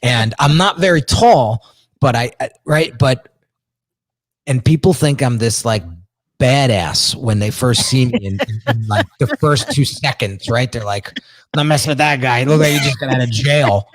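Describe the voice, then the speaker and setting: A middle-aged man with a strong New Jersey accent and a deep voice hosts a podcast, telling stories in casual, animated chat. He often repeats and restarts words. He talks at normal speed and there's no echo.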